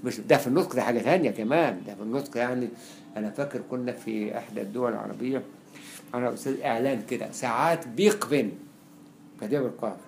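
A man with an Egyptian accent giving a classroom lecture, quickly listing examples and repeating words for emphasis. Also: mid-range voice, creaky, a little mellow, slight background noise. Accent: Egyptian Arabic. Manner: explains quickly with many examples, repeats words to stress them. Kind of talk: classroom lecture on Arabic spelling.

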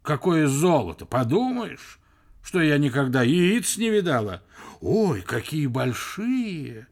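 A man reading the part of a sharp-tongued middle-aged wife who scoffs at her husband. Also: on the high side, sing-song, slow, voice pushed up, full character voice. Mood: scoffing.

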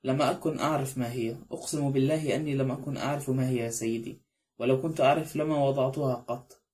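In an audiobook, a man reads a nervous middle-aged butler who pleads and insists he knew nothing. The voice stays close to a plain reading voice, dark and mellow. He speaks quickly. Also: mid-range voice, fairly even intonation, lightly acted. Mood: pleading. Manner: pleading, swearing his innocence.

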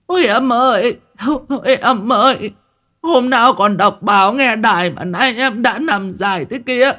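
A man's voice: high voice, animated, moderate pace, voice pushed up. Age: middle-aged. Figure: wailing village woman as a man puts her on. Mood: wailing lament. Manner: sing-song lamenting wail, stretched out.

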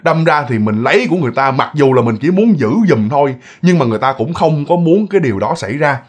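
A man's voice: a little high, animated, fast talker, breathy edge. A man with a Southern Vietnamese accent telling ghost stories in a chatty, repetitive way, talking straight to his listeners. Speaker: ghost story narrator. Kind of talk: casual storytelling.

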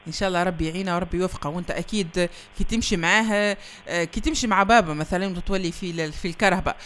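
A woman's voice: fairly low pitch, rapid-fire, fairly bright tone. A woman with a Tunisian accent hosting a radio show, chatting and teasing a young caller and laughing often. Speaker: radio host. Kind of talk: casual chat with a young caller on air.

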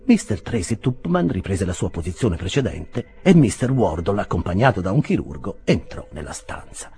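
A man reading a classic novel aloud as an audiobook, with expressive storytelling. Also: fairly low pitch. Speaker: audiobook reader. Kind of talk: audiobook narration.

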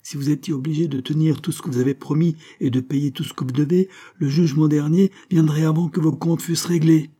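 A man's voice: medium pitch, moderate pace, few pauses, warm tone, husky, voice pushed up, close to an everyday voice. A man reading the part of a bitter mother who answers in a sour, cutting tone. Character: bitter, sharp-tongued mother.

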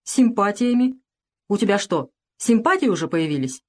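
A woman's voice: mid-range voice, big pitch swings, normal speed, a little mellow. A woman reading the part of a domineering, mocking male plantation owner in an audiobook, with a harsh, commanding delivery.

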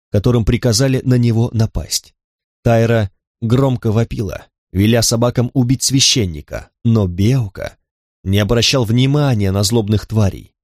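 A man narrating a novel in the first person, with steady, even storytelling. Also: mid-range voice, dry recording, studio quality. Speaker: audiobook narrator.

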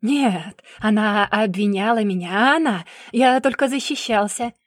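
A woman voicing an angry, cornered young man who shouts his denials, in a Russian audiobook. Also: mid-range voice, unhurried, no echo, clean studio sound, lightly acted. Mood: angry, defensive.

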